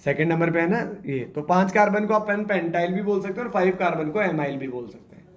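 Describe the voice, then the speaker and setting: A man with a high-pitched voice teaches a chemistry class at a quick pace, quizzing students and echoing their answers while he spells out structures step by step in a classroom lecture.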